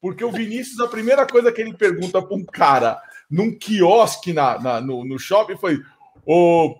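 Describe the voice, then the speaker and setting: An animated man from Brazil tells a story in casual chat and swears freely. His voice sits high and swoops widely as he acts out the people in it. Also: normal speed. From Teresópolis, Brazil.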